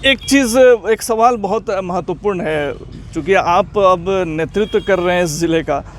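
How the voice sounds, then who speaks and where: A man interviewing a politician, asking long formal questions and acknowledging answers with soft murmurs. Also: high voice, moderate pace, a little hiss or hum. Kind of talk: news interview.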